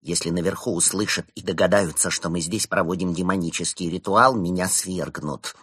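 A man's voice: deep voice, fairly even intonation, normal speed, fairly bright tone, slightly rough, no room sound, clean studio sound. A man voicing a cowardly male sect leader who grumbles and whines fearfully. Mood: nervous grumbling.

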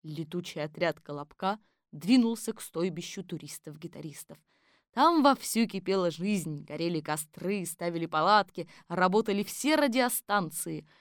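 A woman narrating a story in a steady storytelling manner. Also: fairly low pitch, normal speed, no echo, studio quality. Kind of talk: audiobook narration.

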